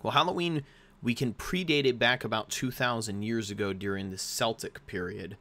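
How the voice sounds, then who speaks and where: Host: young American man, low-pitched, casual rambling explainer full of restarts. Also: normal speed, pushed and bright. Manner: rambling, with frequent fillers and restarts.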